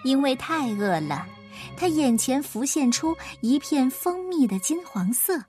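A woman narrating a children's picture book with gentle, expressive storytelling. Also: high voice, unhurried, faint music behind. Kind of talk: picture-book read-aloud.

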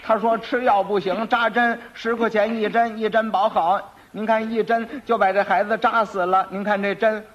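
A man voicing a shrill grieving grandma. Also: steady tone, moderate pace, hardly any pauses, highs cut off, close to an everyday voice. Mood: complaining. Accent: Beijing. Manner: shrill complaining.

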